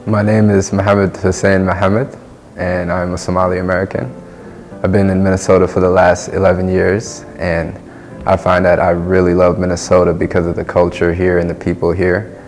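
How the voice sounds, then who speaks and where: A man with a very deep, gravelly voice speaks in a measured, thoughtful way. His pitch barely moves. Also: completely flat delivery, darkish tone, soft background music. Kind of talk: interview testimonial.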